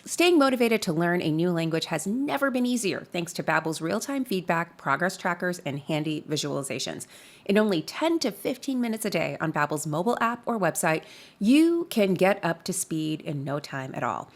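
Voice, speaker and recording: A woman's voice: lowish voice, lively intonation, normal speed. Upbeat woman co-host reading an ad. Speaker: podcast co-host reading sponsor ads. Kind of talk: host-read ad.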